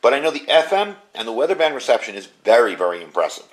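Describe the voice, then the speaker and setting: A man reviews a product hands-on from his garage studio, keeping it casual, plain-spoken and conversational. His mid-range voice is very animated and fast.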